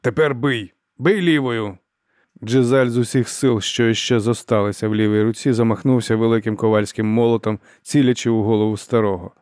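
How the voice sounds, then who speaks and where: A man narrating an audiobook in an even storytelling manner. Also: lowish voice, fairly quick, few pauses, smooth, dry recording, studio quality. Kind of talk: scripted narration.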